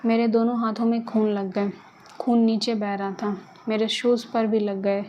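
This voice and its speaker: A woman's voice: a little high, little pitch movement, normal speed, dull audio, slight background noise, natural voice. A woman voicing a frightened young woman who speaks in a shaky, pleading way. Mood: tearful. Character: frightened, tearful young woman murder suspect.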